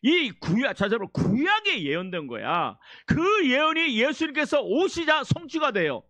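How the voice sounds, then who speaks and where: A man's voice: very high voice, wildly swooping pitch, moderate pace, bright, forceful tone, dry recording. A male pastor preaching a sermon with call-and-response, exhorting his congregation and prompting them to repeat after him and answer.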